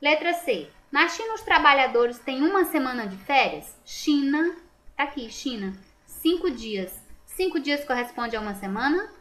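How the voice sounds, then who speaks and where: With a high, sing-song and somewhat bright voice, this Brazilian teacher works through a school exam at a moderate pace, her Brazilian Portuguese accent clear. She's patient, checking answers aloud by posing and answering her own questions. Slight background noise is present.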